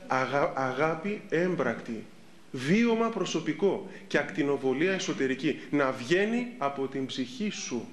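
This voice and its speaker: Middle-aged man, Orthodox priest, sermon, fairly high voice, echoey room. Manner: lively storytelling, acting out the people in his stories.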